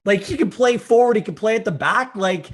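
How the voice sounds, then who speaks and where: A man's voice: high voice, fairly quick. A man hosting a casual sports podcast, talking with enthusiasm. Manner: enthusiastic, excitable. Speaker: podcast host.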